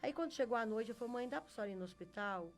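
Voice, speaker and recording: A woman's voice: fairly high pitch, animated, very fast. A middle-aged Brazilian woman giving a faith testimony as an interview guest. She tells her story earnestly and acts out what each person said. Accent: Brazilian Portuguese. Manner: earnest storyteller who acts out quoted dialogue.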